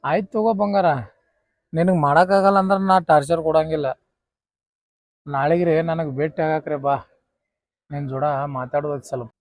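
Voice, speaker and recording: A man's voice: a little high, fairly even intonation, normal speed, pauses often, no room sound, close to an everyday voice. A man with a North Karnataka Kannada accent playing a drunk, heartbroken young lover, pleading and self-pitying. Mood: insistent. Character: jilted young man drinking away heartbreak. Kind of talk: short film acting.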